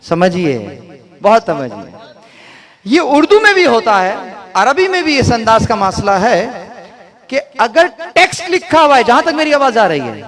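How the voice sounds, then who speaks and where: A man's voice: very high-pitched, huge pitch swings, unhurried, a bit bright. A man with a Pakistani Urdu accent gives a religious sermon at a mourning gathering. He asks his listeners questions and acts out different ways of saying a phrase to make his point.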